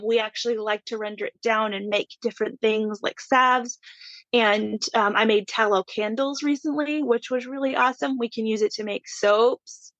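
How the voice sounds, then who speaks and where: A woman's voice: mid-range voice, a bit bright, no echo. A woman, a homesteading guest in a casual interview, talking in a friendly, thoughtful way with frequent ums. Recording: dull lo-fi sound.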